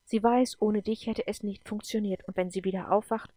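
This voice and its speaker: Woman reading a wise guardian spirit, female, calm and consoling, dry close sound. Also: mid-range voice, normal speed, dry recording, lightly acted. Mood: gentle solemn.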